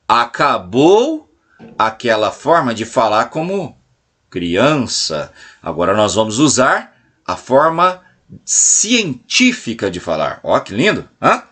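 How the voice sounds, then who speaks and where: A Brazilian man teaching a recorded class to young pupils, coaxing and checking in with frequent questions, drawing out key words slowly. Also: medium pitch, big pitch swings, fairly bright tone. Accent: Brazilian Portuguese. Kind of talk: recorded remote class lesson.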